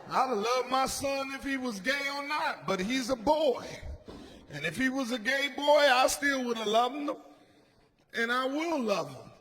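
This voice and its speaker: High-voiced stand-up comic man. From Washington, D.C. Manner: loud, swings from low mutter to shouted punchlines. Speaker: stand-up comedian. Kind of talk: stand-up comedy set. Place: comedy club stage. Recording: live club recording with ambient noise.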